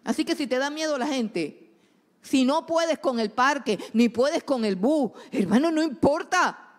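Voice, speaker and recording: A woman preaching a sermon, swinging between loud exhortation and hushed asides. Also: high-pitched, expressive, unhurried. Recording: long hall reverb.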